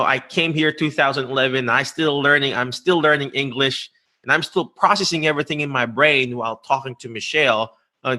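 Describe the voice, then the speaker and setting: Hosting a live-stream interview, this man from the Philippines speaks with a Filipino accent in a bright, forceful voice of medium pitch. His style involves repeated words and emphatic rhetorical questions.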